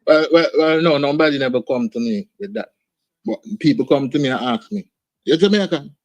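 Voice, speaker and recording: Appearing as a guest artist in an interview, a man with an Antiguan accent talks casually and laid-back, often closing lines with "man" and "you understand." His medium-pitched voice is animated and fairly quick. The video-call recording is dry.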